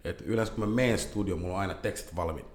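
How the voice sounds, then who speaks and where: Low-voiced man in an echoey room. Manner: loose, animated storytelling with English slang. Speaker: band vocalist. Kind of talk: casual interview chat.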